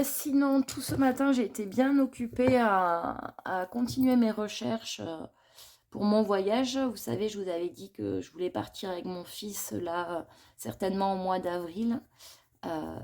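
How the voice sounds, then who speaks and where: A woman's voice: on the low side, dark tone. Chatty woman vlogger thinking aloud. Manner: worried, confiding. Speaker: coloring vlogger. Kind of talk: casual vlog chat while coloring.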